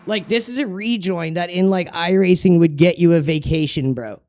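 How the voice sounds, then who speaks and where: His voice is high-pitched with a darkish tone, and he moves at a moderate pace. As a streamer giving casual game commentary, he sounds like a frat bro, swearing, slinging slang, and ranting in frustration.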